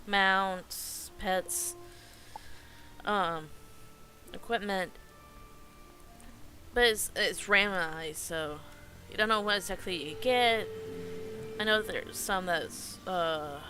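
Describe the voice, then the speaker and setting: A woman live streamer giving casual game commentary in a hesitant, halting way, often searching for words. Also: mid-range voice, over music, rough recording.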